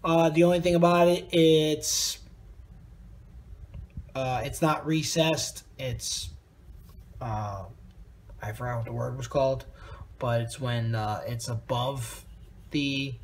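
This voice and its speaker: A man's voice: mid-range voice, fairly even intonation, takes it slowly, long pauses, a little hiss or hum. A tired man giving a rambling, casual review of a plastic model kit, with lots of ums and uhs.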